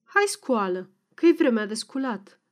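A woman voicing a sharp-tongued, grumpy old peasant wife in a read-aloud novel. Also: on the high side, animated, close to an everyday voice. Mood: scolding.

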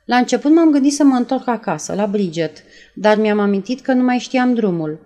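A woman reading aloud and voicing a nervous young woman who retells events in a breathless, halting way. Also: a little high, lively intonation, dark tone, lightly acted. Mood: shaken. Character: nervous young woman, shaken after a shooting.

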